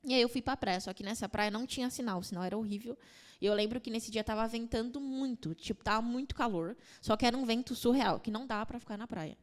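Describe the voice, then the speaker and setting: Fast-talking young woman telling her story. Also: fairly high pitch. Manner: rapid, emotional retelling with quoted dialogue. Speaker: podcast guest. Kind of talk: personal storytelling in conversation.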